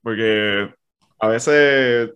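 A man hosting a podcast, speaking in halting, reflective casual chat. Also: on the low side, a bit bright, clean tone, dull audio. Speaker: podcast host.

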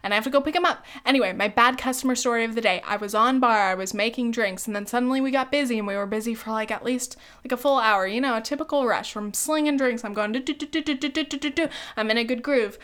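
Young woman, podcast host, high voice, smooth and clear, laughs and swears casually. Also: fast, few pauses, a bit bright. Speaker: barista. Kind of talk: casual solo storytelling. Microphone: camera mic.

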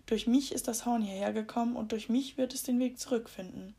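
A calm, secretive middle-aged man from a storybook, as a woman reader plays him, speaking in a quiet, solemn way. The voice has a gravelly fry. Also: on the high side, a little fast.

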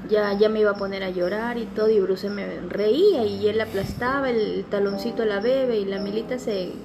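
Lively young woman telling a story. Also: mid-range voice, a little fast. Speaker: co-host. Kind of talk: casual chat.

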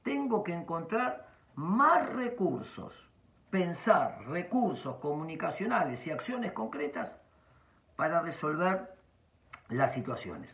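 A man with an Argentine accent giving a calm, explanatory advice talk. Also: fairly high pitch, takes it slowly. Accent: Argentine Spanish. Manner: calm, explanatory, varied emphasis. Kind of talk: talking-head advice talk. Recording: dull lo-fi sound.

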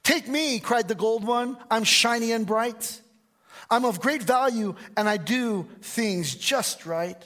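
A vain golden vessel that brags about its shine and worth, as a preacher puts it on. The voice sits high and pushes the boasts forward, self-satisfied. It is read as a parable poem. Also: male voice, slow pace, fairly bright tone, exaggerated voice. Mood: boastful. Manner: bragging, self-praising.

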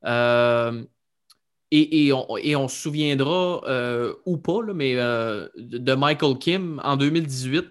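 A man's voice: medium pitch, takes it slowly. A man with a Québécois accent co-hosting a golf podcast in a casual, chatty style. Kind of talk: casual sports chat.

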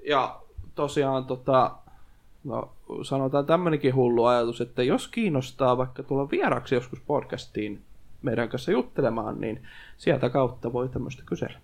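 A man hosting a casual podcast chat, relaxed and a bit hesitant with fillers. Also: medium pitch. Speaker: podcast host.

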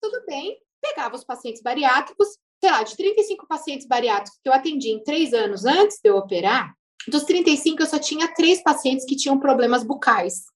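Her voice high and a little fast, a speech therapist with a Brazilian Portuguese accent talks about her own experiences on a casual interview. She comes across as lively and talkative, laughing occasionally.

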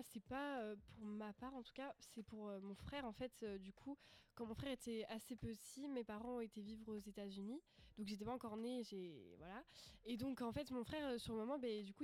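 Woman, casual, rambling, many restarts, slightly high voice. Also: darkish tone, dry recording. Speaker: student in a class discussion. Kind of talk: casual discussion.

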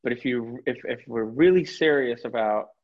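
A man's voice: mid-range voice, normal speed, muffled recording. A man from South Florida speaking on a panel of tech lawyers in a frank, conversational way, laughing easily, over a video call. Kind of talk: panel discussion.

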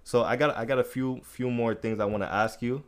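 A man hosting a podcast, chatting casually in heavy slang and telling animated stories. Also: mid-range voice, a little fast, clean tone. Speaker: podcast host. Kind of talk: casual chat.

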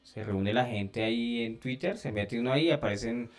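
A man co-hosting a podcast, joking in a relaxed way with some stammered restarts. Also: medium pitch, normal speed. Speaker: podcast co-host. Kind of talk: casual podcast banter.

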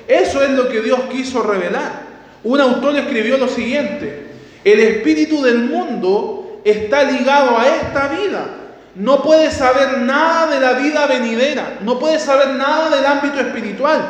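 Guy preaching, really high voice, asks the crowd stuff then answers it, big boomy church echo. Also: moderate pace. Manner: asks the listeners questions and answers them himself; reads scripture aloud and repeats key words. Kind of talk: sermon. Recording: echoey hall with long reverb.

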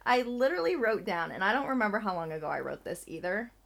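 Loud, giggly young woman podcaster. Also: mid-range voice, very animated, vocal fry. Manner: talks loudly and fast, laughs often, rambling. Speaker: podcast co-host. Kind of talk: casual chat.

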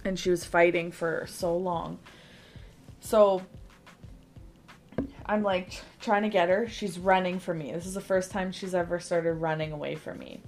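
A podcast co-host in her thirties, speaking with a fairly low voice, casually rambles through an animated story packed with "like" fillers. She talks a little slowly with long pauses, and faint music plays in the background.

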